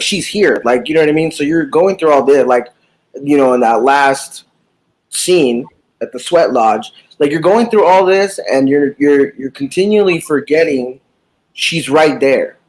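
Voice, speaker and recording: A man's voice: a little high, animated, moderate pace, rough recording. A man in a casual live book chat, talking animatedly about a book, with frequent swearing and lots of fillers. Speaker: book discussion participant.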